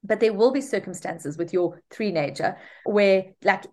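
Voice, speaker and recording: A middle-aged woman, a mother of three, co-hosting a casual podcast in an animated, reflective way that often repeats words. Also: medium pitch, normal speed. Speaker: podcast co-host.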